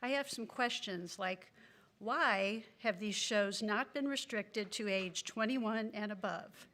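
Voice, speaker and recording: Bright-voiced, indignant woman at a podium. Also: medium pitch, slow pace. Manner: indignant, earnest, apologetic asides. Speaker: public commenter. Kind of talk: public comment at a city council meeting. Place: city council meeting room.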